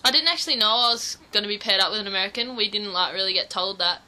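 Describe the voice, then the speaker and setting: A woman's voice: medium pitch, fast, sharp tone, rough recording. A young woman from Australia, an international student, chatting casually in an interview.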